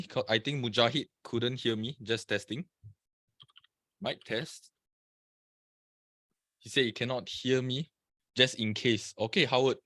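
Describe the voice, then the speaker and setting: A man's voice: mid-range voice, fairly bright tone, no echo, clean studio sound. A man from Singapore presenting a live trading webinar, chatting and greeting viewers by name over a computer mic.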